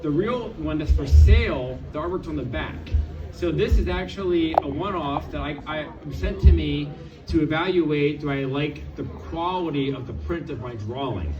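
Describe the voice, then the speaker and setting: A man's voice: fairly high pitch, moderate pace. A man casually presenting auction items to a crowd in an informal, unscripted, slightly hesitant way. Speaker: car designer presenting charity auction lots. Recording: echoey, dull, distant mic with music.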